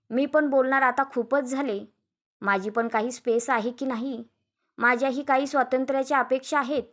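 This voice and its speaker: A woman voicing a fed-up young daughter-in-law, speaking in sharp, indignant outbursts. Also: a little high, lightly acted. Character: fed-up young daughter-in-law demanding her own space.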